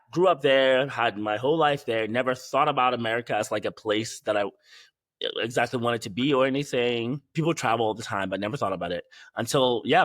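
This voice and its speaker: A young actor from Ghana speaks as a guest in a fairly low voice, relaxed and laughing easily. He restarts his sentences now and then. The recording is dry and close. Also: no echo. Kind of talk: casual interview chat.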